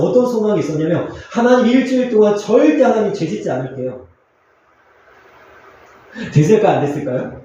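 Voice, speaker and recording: Man, pastor, earnest confessional sermon, mellow tone, very echoey church hall, slightly dull recording. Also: high-pitched. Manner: earnest, confessional preaching with pauses and fillers. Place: church sanctuary.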